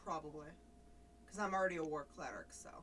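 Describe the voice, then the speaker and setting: A woman playing a tabletop game who talks in a chatty, lively way and swears casually. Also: low-pitched, fast, distant mic, slight background noise. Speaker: player.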